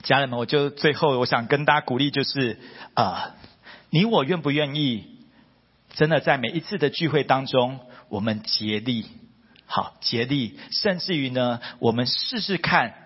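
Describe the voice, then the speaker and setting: A middle-aged man preaching a sermon as pastor, telling stories with lively repetition of phrases. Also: medium pitch, moderate pace, slightly rough, in a large hall, lo-fi sound. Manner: animated storytelling with repeated phrases. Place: church hall.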